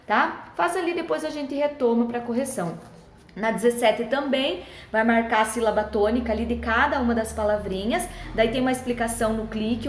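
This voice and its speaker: A woman teacher, patiently explaining schoolbook exercises to children in a friendly way and checking in often. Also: a little high. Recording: echoey room.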